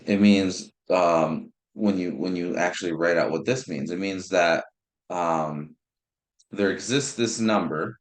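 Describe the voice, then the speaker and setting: A man's voice: low voice, a little slow. A young man teaching a math class in an informal way, often restarting words and thinking aloud. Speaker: math instructor. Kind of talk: recorded lecture. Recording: roomy echo.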